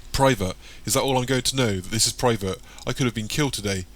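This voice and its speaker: A man's voice: mid-range voice, fast talker, a bit bright, close to an everyday voice. A man voicing an anxious, hot-tempered young man in an audiobook, firing off urgent, demanding questions. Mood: agitated.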